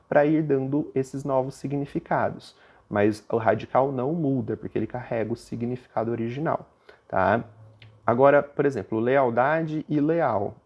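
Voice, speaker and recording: A Brazilian-accented male teacher talks through a grammar lesson at a mid pitch. He explains patiently, step by step, and keeps pausing to make sure his students are following him. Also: a little mellow, slightly rough. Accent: Brazilian Portuguese. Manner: explanatory, often asks listeners to confirm they follow; puts on a student's objection in a higher voice.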